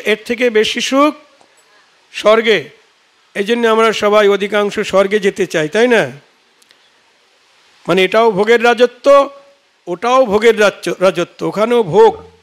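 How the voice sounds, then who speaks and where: Male Bengali preacher, high voice, unhurried, chants scripture between stories. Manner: slow, drawn-out chanting of verses; tells scripture stories acting out dialogue. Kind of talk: devotional sermon with sung verses.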